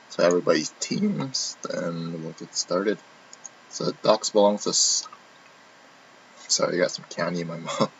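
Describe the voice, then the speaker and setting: A man with a low voice, vocal fry, and a fairly bright tone hosts a live trading-card box break from an indoor room. In casual live-stream commentary, he reads off a long list of teams and names, often correcting himself and restarting. The stream audio is dull and lo-fi with faint noise.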